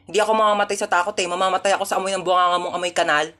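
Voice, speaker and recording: A woman's voice: on the low side, steady tone, racing, fairly bright tone. A woman, talking through comic skits in a playful, sassy, rambling way. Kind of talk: comedic skits.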